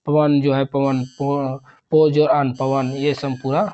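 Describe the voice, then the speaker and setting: A man's voice: medium pitch, completely flat delivery, takes it slowly, mellow, highs cut off. A man teaching an exam revision grammar lesson, rattling off examples one after another and repeating terms.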